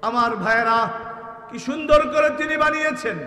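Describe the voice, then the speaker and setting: A man preaching a sermon, chanting verses melodically, building to shouts and calling on the crowd to answer aloud. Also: very high voice, moderate pace. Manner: calls on the audience to answer aloud. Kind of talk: Islamic sermon. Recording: echoey hall, long reverb, PA sound.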